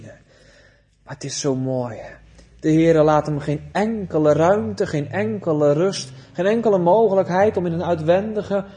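A man preaching a sermon, emphatic, with big swings in loudness and pitch and rhetorical questions.

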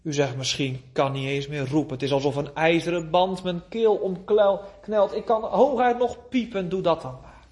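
A man preaching a sermon, pleading with his listeners and drawing out words between long pauses. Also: on the high side, darkish tone.

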